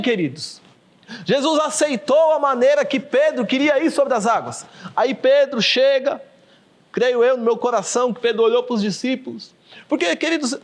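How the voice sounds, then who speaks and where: A male pastor with a Brazilian accent preaching fervently to a camera, calling his listeners dear ones and acting out scripture. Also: extremely high pitch. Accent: Brazilian Portuguese. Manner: fervent, addresses listeners as "queridos", acts out scripture. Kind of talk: sermon. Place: in front of a camera, livestream.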